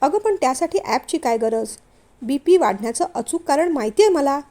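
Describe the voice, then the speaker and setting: A woman voicing a stern older male company boss in a storybook reading, in a lowered voice. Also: animated, moderate pace, warm tone.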